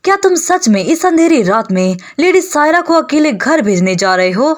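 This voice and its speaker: A woman's voice: sits high, sing-song, normal speed, pitched above the performer's own voice. A woman reading as an exasperated young villainess. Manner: sharp, irritated.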